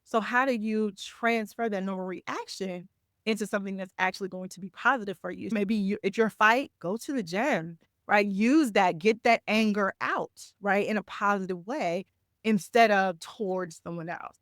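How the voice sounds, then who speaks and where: A woman's voice: medium pitch, moderate pace, a bit bright, no echo. Conversational woman coach, dry close sound. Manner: conversational, repeats "right?" often. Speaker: guest, trauma recovery coach. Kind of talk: interview answer, advice.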